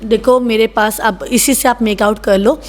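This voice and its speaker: A woman in her thirties with a Haryanvi accent, speaking in a somewhat high voice. She talks bluntly and forcefully, rough and tough, hammering home each point as an interview guest. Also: steady tone, moderate pace, slight background noise. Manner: blunt, rough and tough, emphatic, often says "bhai". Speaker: salon owner, interview guest. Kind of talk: casual interview talk.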